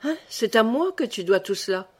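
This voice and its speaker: A woman reading the part of a scheming older wife giddy with triumph, in an excited, exclaiming way, for an audiobook. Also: a little high, moderate pace, slightly rough. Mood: triumphant.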